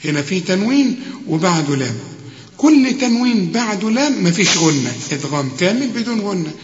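A man's voice: high-pitched, very animated, fairly quick, dull audio. Man teaching tajweed, echoey room. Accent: Egyptian Arabic. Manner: corrective, demonstrates then explains rules. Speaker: Quran recitation teacher. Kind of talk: tajweed lesson.

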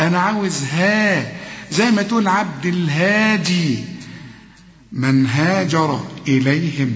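A man with an Egyptian accent teaching Quran recitation, explaining rules step by step and chanting slow, drawn-out examples while quizzing his student. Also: a little high, fairly bright tone. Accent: Egyptian Arabic. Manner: talks straight to the student, correcting and quizzing. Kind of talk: tajweed lesson. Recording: echoey hall, dull lo-fi sound.

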